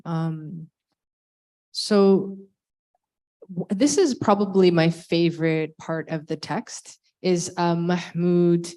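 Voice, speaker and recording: A woman's voice: fairly low pitch, slow pace, dark tone. A woman interviewing a novelist in a salon conversation, phrasing her questions loosely with many asides.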